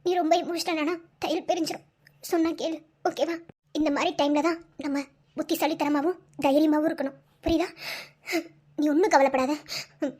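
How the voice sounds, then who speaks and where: A woman's voice: high-pitched, darkish tone, close to an everyday voice. A woman voicing Sandhiya, devoted young wife. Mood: comforting. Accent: Madurai Tamil. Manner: soothing, coaxing, reassuring. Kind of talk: amateur cartoon voice acting.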